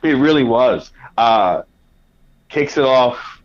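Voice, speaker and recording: A man, a podcast guest and sports writer, telling animated anecdotes in a conversational way. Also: medium pitch, slow, muffled recording. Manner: animated anecdotes, acts out his own past reactions. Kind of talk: conversational storytelling.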